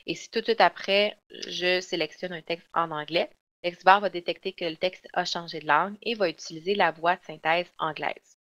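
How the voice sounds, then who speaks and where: A woman, presenting software in a webinar and explaining step by step with frequent fillers and restarts. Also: fairly low pitch, fairly even intonation, moderate pace. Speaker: software trainer. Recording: dull lo-fi online webinar audio.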